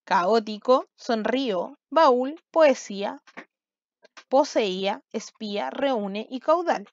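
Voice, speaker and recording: Patient teacher, high voice. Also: female voice, expressive, slow, dry recording. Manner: patient, explanatory, frequent checking questions. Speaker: school language teacher. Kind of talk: recorded video lesson. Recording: dull, slightly lo-fi sound.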